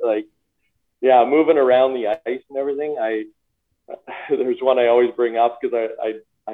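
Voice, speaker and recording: Male guest, former player and coach, tinny phone-line sound, relaxed and laughing. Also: medium pitch. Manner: laughs often, repeats words, relaxed storytelling. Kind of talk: casual interview over a call.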